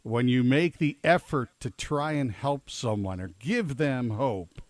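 A man co-hosting a morning radio show, telling short stories in a slow, measured way. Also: medium pitch, animated, no echo.

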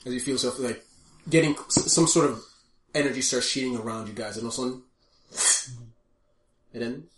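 A man running a tabletop game as game master, describing scenes with halting fillers. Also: medium pitch, fairly even intonation, roomy sound, recorded from a distance, a little hiss or hum.

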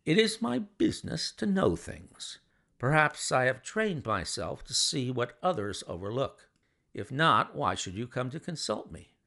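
A cool, shrewd detective who holds forth in a measured, precise voice with a gravelly texture and lively inflection, as a male narrator plays him. It is an audiobook. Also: mid-range voice, exaggerated voice. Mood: lecturing.

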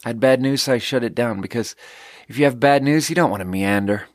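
Talking fast in a medium-pitched voice, a podcast host from Sweden rambles through a profane anecdote and cracks himself up along the way. It's studio-quality audio with no room sound.

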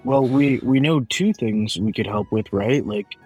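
A man's voice: mid-range voice, a little slow, a little mellow, slightly rough, highs cut off, faint music behind. A man playing a tabletop role-playing game, speaking in a matter-of-fact way. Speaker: player. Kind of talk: casual game chat.

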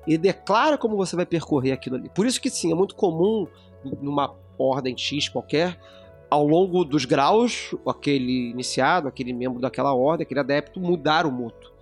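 A man's voice: fairly high pitch, fairly quick, faint music behind. A man co-hosting a casual podcast discussion, explaining at length with frequent restarts. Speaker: podcast co-host.

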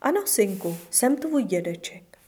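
A woman voicing a gentle old grandfather in a storybook reading, speaking softly and reassuringly. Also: mid-range voice, sing-song, natural voice. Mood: tender. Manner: soft, loving, reassuring.

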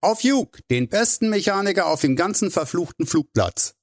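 A man's voice: medium pitch, animated, moderate pace, close to an everyday voice. A man voicing a tipsy, stubborn male pilot who talks earnestly and a little sulkily. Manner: sulky, earnest.

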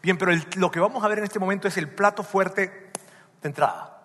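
A man's voice: high voice, a little fast, bright, forceful tone. A man preaching a sermon as a pastor, emphatic, who keeps asking his listeners direct questions. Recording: long reverb of a large hall.

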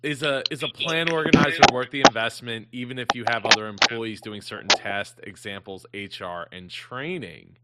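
A man hosting a casual Q&A on a video call, speaking haltingly and restarting his sentences often. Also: medium pitch, heavy background noise. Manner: halting, many fillers and restarts. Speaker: host.

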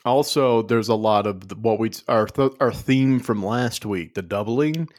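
A man's voice: lowish voice, measured pace, a little mellow. A man co-hosting a comedy podcast, riffing in casual chat and slipping into put-on voices. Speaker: podcast co-host.

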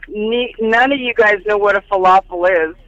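A woman's voice: medium pitch, normal speed, a bit bright. A woman chatting on speakerphone from her car, giving dry, matter-of-fact answers over a phone line. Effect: on speakerphone in a moving car. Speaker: host's mother on a call. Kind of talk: casual phone chat.

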